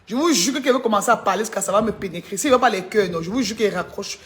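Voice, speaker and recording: Talking rapid-fire in a mid-range voice, a woman riffs on gossip mockingly for her live-stream audience. She teases, laughs a lot, and keeps up a stream of chatty asides to viewers.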